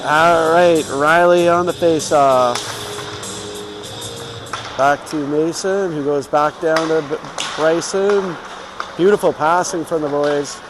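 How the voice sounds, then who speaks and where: A man's voice: on the high side, slow pace, long pauses, music in the background. A man giving informal, home-team live play-by-play commentary on youth hockey. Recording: clear rink noise behind.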